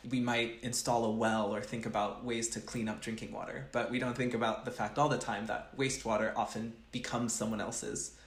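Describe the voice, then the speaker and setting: A man's voice: medium pitch, little pitch movement, fairly quick, hardly any pauses, roomy sound. A young man, a chemical engineering professor, answering interview questions in an earnest, thoughtful way, often restarting his sentences. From grew up between West Africa and the US East Coast.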